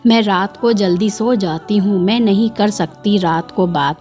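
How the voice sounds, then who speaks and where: A shy, devout young woman, as a female storyteller puts her on, speaking in a soft, self-effacing way. Her lines come slowly, with faint music running behind the reading. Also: mid-range voice, natural voice. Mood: shy, sad.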